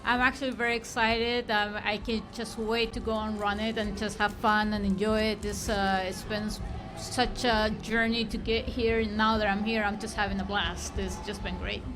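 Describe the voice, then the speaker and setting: A woman's voice: mid-range voice, level tone, moderate pace, music in the background. A woman from Chile, a guest runner, answering interview questions modestly in short replies. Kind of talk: casual interview. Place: outdoor festival plaza.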